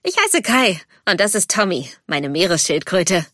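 A woman voicing a friendly, outgoing young merboy in an audiobook story, talking in an excited, chatty way. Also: fairly low pitch, measured pace, no echo, clean studio sound, full character voice.

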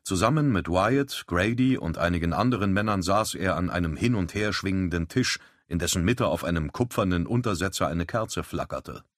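A man reading an audiobook with expressive, measured storytelling. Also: low voice, dry recording, clean studio sound. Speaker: audiobook narrator. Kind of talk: scripted narration.

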